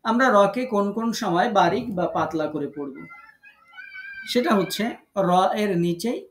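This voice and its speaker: A man's voice: sits high, animated, a little hiss or hum. Patient male Quran teacher in an echoey room. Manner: patient, repeats rules and slowly drawn-out example words. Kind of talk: online tajweed lesson.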